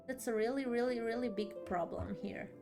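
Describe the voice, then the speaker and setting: A woman chats casually on a game livestream, a bit sleepy after a long day, repeating phrases for emphasis. Her pitch is fairly high and she talks fairly quickly. Background music plays.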